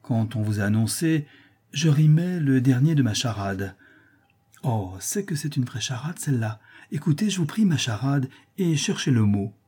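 A man's voice: mid-range voice, animated, normal speed, dark tone, slightly rough. A man voicing a vain, pompous older count who admires his own verses. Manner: pompous, self-admiring, emphatic.

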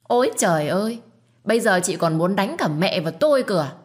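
A woman's voice: medium pitch, moderate pace, pitched above the performer's own voice, close to an everyday voice. A woman playing a whiny, scheming sister-in-law. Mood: accusing. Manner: whiny, accusing, loudly crying.

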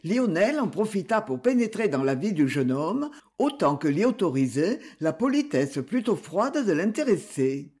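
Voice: mid-range voice, slightly rough. A narrator reading a classic novel aloud as an audiobook. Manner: slow, expressive literary reading.

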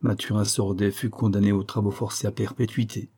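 A man narrating a classic novel in a measured, even reading voice. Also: lowish voice, husky. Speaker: audiobook narrator.

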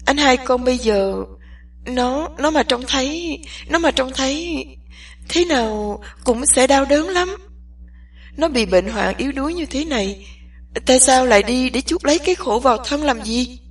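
A woman's voice: high-pitched, expressive, normal speed, distant mic, voice pushed up. A woman voicing an anxious young woman who pleads urgently with her best friend in an audiobook. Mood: pleading.

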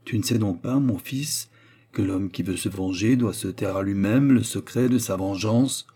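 Brief: male reader as a menacing baronet schemer, calm and cold, deep hushed tone. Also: normal speed, slightly rough. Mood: lecturing. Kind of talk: audiobook character reading.

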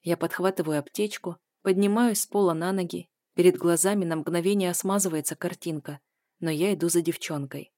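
A woman narrating a first-person novel as an audiobook, in a steady, low-key manner. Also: brisk, dry recording, clean studio sound.

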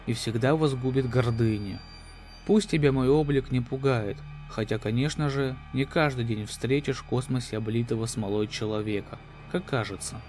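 A man voicing a gloating, menacing alien beast in a human body, slow, ominous and taunting, in a sci-fi horror audio drama. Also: medium pitch, darkish tone, faint music behind, lightly acted. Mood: gloating menace.

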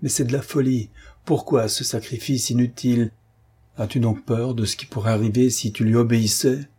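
A man's voice: mid-range voice, steady tone, moderate pace, mellow, breathy edge. A man reading the part of a young officer, earnest and insistent, in an audiobook. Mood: urgent pleading. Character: young male officer, pleading and urgent.

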